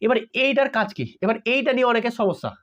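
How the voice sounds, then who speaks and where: Male math teacher, brisk and chatty with students, slightly muffled lo-fi recording. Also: extremely high pitch, expressive, fairly bright tone. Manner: talks straight to students, asking "got it?" often. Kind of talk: casual online math lesson. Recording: slightly dull lo-fi audio.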